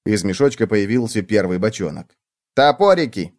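A man narrating a children's storybook in a lively, expressive reading style. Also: medium pitch, normal speed.

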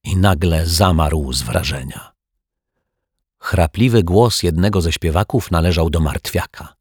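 A man narrating a children's story in a calm, measured reading voice. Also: deep voice, husky, no echo, clean studio sound. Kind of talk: audiobook storytelling.

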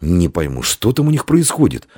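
A man's voice: low-pitched, huge pitch swings, normal speed, darkish tone, breathy edge, no echo, heavily acted. A man voicing a small, anxious but stubborn boy in a storybook reading. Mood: puzzled.

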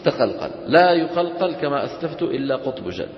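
A man teaching a classroom tajweed lesson, quizzing the class and chanting verses slowly. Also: mid-range voice, big pitch swings. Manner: asks the class questions and answers them, chants verses slowly. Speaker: Quran recitation teacher. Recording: roomy lecture hall, dull lo-fi sound.

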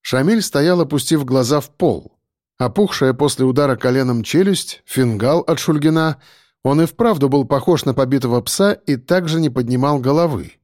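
A male narrator reads a story aloud in a steady, measured voice of middle pitch. The sound is close and dry. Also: no room sound. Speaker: audiobook narrator. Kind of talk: scripted narration.

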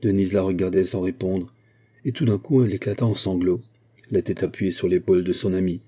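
A man reading a classic novel as an audiobook, in a measured, steady narration. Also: deep voice, slightly rough.

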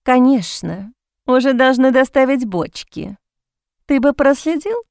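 A woman's voice: high-pitched, lively intonation, measured pace, darkish tone, no room sound, studio quality, voice pushed up. A woman reading an audiobook, voicing a cruel Irish henchwoman who speaks curtly and coldly. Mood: cold threat. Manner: cool, curt, threatening.

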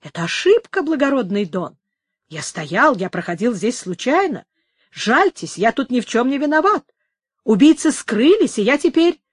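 A woman reader voicing a frightened man who pleads that he is innocent, her voice climbing high. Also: big pitch swings, moderate pace, breathy edge, no room sound. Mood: pleading. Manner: pleading, rising pitch.

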